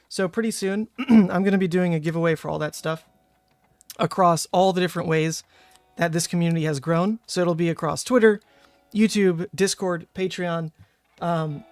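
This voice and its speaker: A male card game streamer chats casually on a livestream, hoarse with his voice partly gone and a touch high-pitched. He rambles, often saying "uh" and "like," and there's no room sound.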